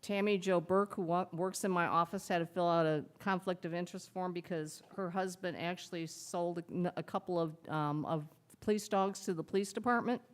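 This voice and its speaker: A woman's voice: fairly low pitch, steady tone, a little fast, hardly any pauses. Chatty clerk treasurer, woman. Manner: chatty, hesitant, with fillers. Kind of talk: report at a council meeting.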